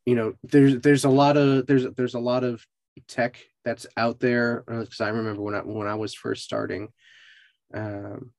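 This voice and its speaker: A man's voice: mid-range voice, little pitch movement, normal speed, creaky, a little mellow, no echo. A man hosting a podcast interview, asking questions in loose, hesitant phrasing full of "like". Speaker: podcast host. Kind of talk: casual interview chat.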